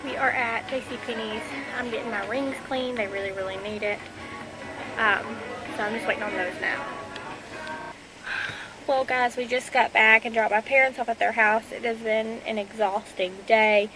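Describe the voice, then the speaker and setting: A woman's voice: on the high side, steady tone, moderate pace, music in the background. A young woman, chatting casually to her vlog camera. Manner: chatty, filler-heavy, sweet. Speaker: vlogger.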